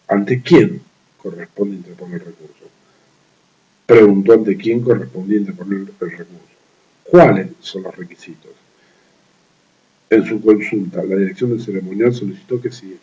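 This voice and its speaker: A man reading a legal writing manual aloud, steady and methodical, restarting words he stumbles on and adding brief offhand remarks. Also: low-pitched, normal speed, muffled recording. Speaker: law study reader.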